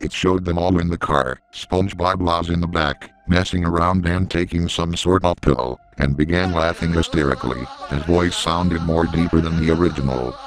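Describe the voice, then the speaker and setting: A man giving scripted horror story narration in a steady, measured way, recorded on a close mic. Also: low-pitched, poor audio.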